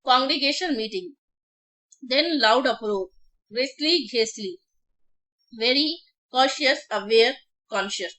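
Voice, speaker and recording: Indian lady teacher drilling vocab words over and over, bright highish voice. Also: animated, drawn-out words, pauses often. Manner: drills words by repetition with memory tricks. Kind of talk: online exam-prep lesson.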